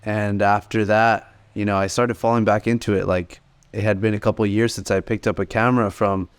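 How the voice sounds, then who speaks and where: A man's voice: on the low side, level tone, a little fast, clear, resonant tone. A man in his late twenties telling his story in a laid-back, rambling way as a podcast co-host. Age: 20s. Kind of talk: casual podcast chat.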